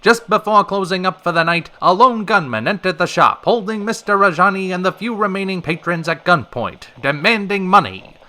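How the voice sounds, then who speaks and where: Playing the slick host of a pulp-city radio hour, a man uses a high voice that swings in lively arcs with a sharp, ringing edge. His delivery is wordy and polished, dry sarcasm running beneath the showmanship, at a normal speed with few pauses. The mood is polished and wry, in the style of old-time radio hosting.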